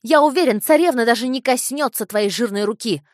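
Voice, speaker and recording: Woman doing a shrill, bold young boy hero. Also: lively intonation, fairly quick, no echo, studio quality. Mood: indignant. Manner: shouting, indignant. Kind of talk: audiobook character voice.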